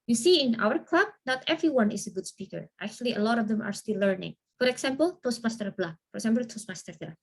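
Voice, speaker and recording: A woman with a slightly high voice runs an online training session over a video call. She answers questions in a lively, encouraging way and often checks that listeners agree.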